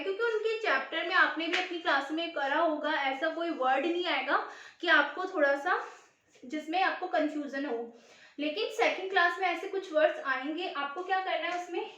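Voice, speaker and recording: A woman teacher takes a class through a grammar lesson in a high voice. She is patient, saying words over slowly and answering her own questions. The recording rings with heavy room echo. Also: fairly bright tone, dull audio. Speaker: school teacher. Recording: very echoey room.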